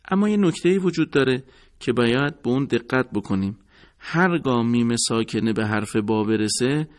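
A man teaching Quran recitation rules in a measured, formal way, repeating each rule. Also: mid-range voice. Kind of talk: recorded tajwid lesson.

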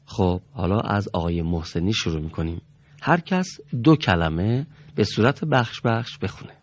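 A man's voice: low-pitched, animated. A man teaching a Quran reading class, politely calling on students and patiently correcting how they pronounce each letter. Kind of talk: classroom recitation lesson.

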